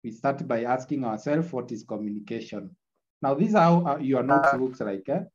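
A man's voice: medium pitch, expressive, normal speed, lo-fi sound. A man teaching an online class, heard through a screen recording of the video call, repeating his points and checking in with "eh?". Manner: repetitive, checks in with tag "eh?". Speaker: lecturer.

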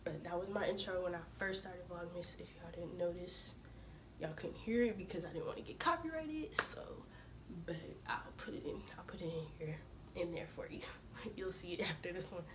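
A young woman vlogging casually to her viewers, her voice slightly hoarse from a cold, chatting informally and calling them y'all. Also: fairly low pitch, lively intonation, normal speed, noisy background. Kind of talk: casual vlog chat to camera.

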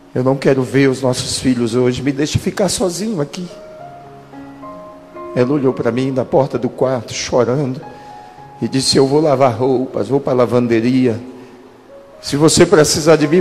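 A pastor in his thirties telling a dramatic testimony in a sermon, with slow emphatic pauses. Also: mid-range voice, a little mellow. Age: 30s. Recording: long church-hall reverb with music.

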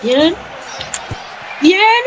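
A young woman with an Argentine Rioplatense accent, playing a football video game and chatting excitedly, swearing and yelling at the screen. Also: very high-pitched, extremely slow, background noise. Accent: Argentine Rioplatense Spanish. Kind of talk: excited gameplay chat.

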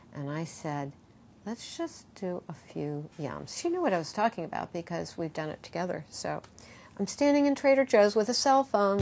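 A middle-aged woman yoga teacher speaking earnestly in an interview, walking listeners through a calming breath exercise. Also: lowish voice, slight background noise. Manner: earnest and animated, acting out panicked voices. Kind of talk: interview answer with guided breathing demonstration.

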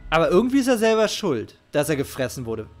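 Fast and sing-song, a fairly high voice with a darkish tone belongs to a middle-aged man streaming a game live. His commentary is casual, emphatic and emotionally invested, full of repeated phrases. He speaks through a close headset mic at his home streaming setup while game music plays.

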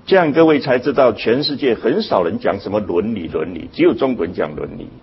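Older man, husky, public lecture, animated pitch, lo-fi muffled recording. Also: brisk, a little hiss or hum. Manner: emphatic, rhetorical questions, sudden jumps in pitch. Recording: dull lo-fi recording.

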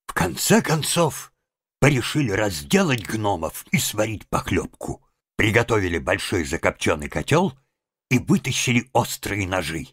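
Low expressive male audiobook narrator. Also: moderate pace, slightly rough, dry recording. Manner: expressive storytelling. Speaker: audiobook reader.

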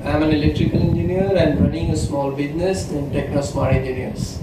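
Man, 20s, from India, vlogger, reads out questions, slightly high voice, distant camera mic, heavy room echo. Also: fairly even intonation, brisk. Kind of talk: casual Q&A chat. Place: bedroom, indoors. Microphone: far camera. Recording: very echoey room, far mic, loud hiss.

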